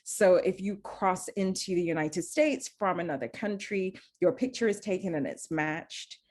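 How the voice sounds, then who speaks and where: A Zambian woman speaks as a panelist in a panel discussion, earnest and searching, often restarting her sentences. Her voice is fairly low and darkish in tone, with lively intonation at a normal speed.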